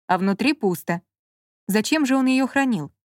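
Женщина в аудиокниге читает реплики ворчливого раздражённого мужчины, занятого делом. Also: female voice, fairly high pitch, animated, moderate pace, dry recording, clean studio sound, natural voice. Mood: muttering. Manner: grumbling, irritable, muttering. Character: grumpy man absorbed in work, snappish. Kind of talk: audiobook character reading.

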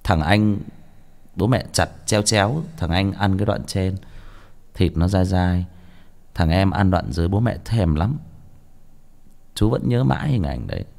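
Gravelly low-voiced young man. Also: animated, unhurried, pauses often, darkish tone. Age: young adult. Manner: casual, stammers and repeats words. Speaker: audiobook reader. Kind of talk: rambling spoken monologue.

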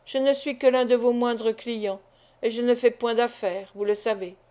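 A woman's voice: fairly high pitch, fairly even intonation, dark tone, natural voice. A woman reading the lines of a cold, reserved male count in an audiobook. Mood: cool. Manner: cold, measured.

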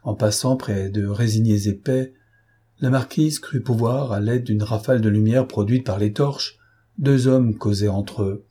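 A man reading a novel aloud as an audiobook narrator, in a measured, even storytelling manner. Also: lowish voice, husky. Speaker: audiobook reader. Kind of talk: scripted literary narration.

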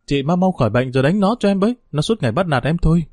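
A small, innocent village boy , voiced by a man, chirps in a raised, childlike pitch. He sounds pleading and playful, and the recording is dry and close. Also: expressive, racing, a little mellow, no echo.

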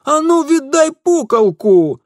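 A man voicing a sharp-tongued, plump red-haired shopkeeper's wife with a Ukrainian accent in an audiobook. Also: very high voice, normal speed, no room sound, studio quality, pitched above the performer's own voice. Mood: scolding. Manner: sharp-tongued, then coquettish.

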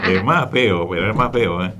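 Man, Argentine accent, co-host, rambling, colloquial, low voice. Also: normal speed, bright, forceful tone. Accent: Argentine Spanish. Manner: rambling, colloquial, says "¿viste?". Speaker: radio co-host. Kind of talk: casual radio chat.

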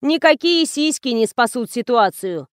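A woman's voice: on the high side, expressive, measured pace, dry recording, clean studio sound. A woman voicing a blunt, practical female assistant who coaxes and threatens the model. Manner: blunt, persuading.

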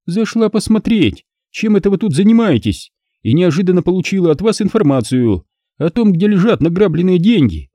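A man's voice: high-pitched, very animated, brisk, dark tone, dry recording, studio quality, pitched above the performer's own voice. A man reading an audiobook voices a spiteful, scheming young woman who taunts and sneers. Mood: gloating mockery.

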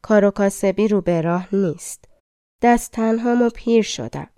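A woman's voice: mid-range voice, dark tone, no echo, clean studio sound, close to an everyday voice. A woman reading a storybook, voicing a weary, grieving old cobbler who laments his lost son. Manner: sorrowful, lamenting.

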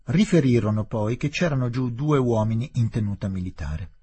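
Husky male novel reader. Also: medium pitch. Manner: expressive, measured narration. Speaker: narrator reading a novel. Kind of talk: literary audiobook reading.

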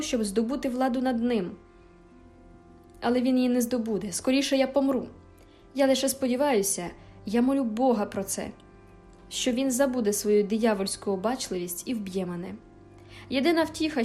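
A woman's voice: on the high side, darkish tone, natural voice. A woman reading aloud and voicing a bitter, frightened young wife who speaks in an agitated, pleading way.

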